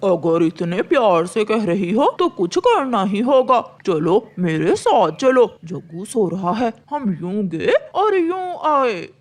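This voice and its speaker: A woman's voice: mid-range voice, big pitch swings, slow, few pauses, darkish tone. A woman voicing a boastful adult male crow in a cartoon, full of cocky promises.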